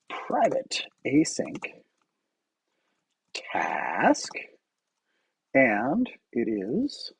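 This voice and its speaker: Man, gravelly husky voice, slow unhurried talk, casual live-coding commentary, thinking aloud. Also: on the low side, dry recording. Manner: thinks aloud while typing, with frequent restarts and fillers. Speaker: software developer streaming his coding.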